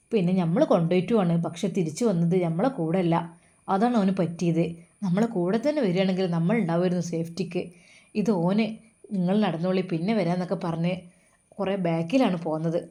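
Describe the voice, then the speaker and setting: A woman's voice: lowish voice, fairly quick, mellow, close to an everyday voice. Brief: woman playing a chatty gossiping aunt, blunt and fake-sad. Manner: blunt, chatty, feigned sympathy. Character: gossiping middle-aged woman relative, blunt and falsely sympathetic.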